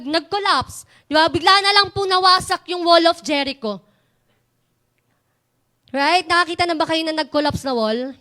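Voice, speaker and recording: A young woman giving a lively youth sermon, asking the crowd questions and laughing often. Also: very high voice. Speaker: youth preacher.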